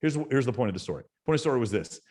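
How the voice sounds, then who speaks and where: A man's voice: mid-range voice, big pitch swings, racing, a little mellow, slightly rough. A man talking as a guest on a podcast, telling stories in a blunt, emphatic and profane way. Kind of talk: casual podcast chat.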